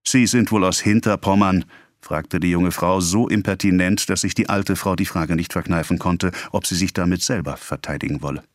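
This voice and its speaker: A male narrator reads a novel in a measured, expressive way. His voice sits very low. The recording is dry and close, with no room sound. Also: no echo. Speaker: audiobook narrator.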